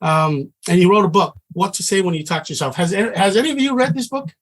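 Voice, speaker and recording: A fairly quick, high-sitting male voice belongs to a middle-aged trading instructor from Samoa. Earnest and conversational as he teaches, he restarts sentences frequently.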